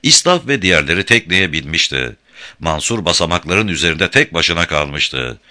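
A man narrating an adventure audiobook in a dramatic, expressive storytelling manner. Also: sits low, normal speed.

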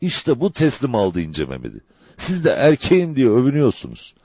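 A man voicing a fierce, grieving old village woman who calls out in shrill, urgent cries. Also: huge pitch swings, fairly quick, dark tone, husky, dry recording, exaggerated voice. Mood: scornful.

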